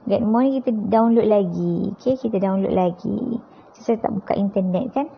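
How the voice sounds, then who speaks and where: A Malaysian-accented woman with a gravelly, husky mid-range voice walks through an app step by step at a moderate pace. As an informal tutorial presenter and teacher, she keeps it conversational and often checks in with tag questions. The sound is dull and lo-fi.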